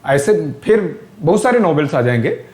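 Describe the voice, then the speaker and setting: Man, Indian accent, teacher, exam-prep lecture, fairly high voice, asks questions aloud, echoey room. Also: very animated, moderate pace, darkish tone. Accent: Indian English. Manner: explains step by step, asks questions aloud, mixes in English terms.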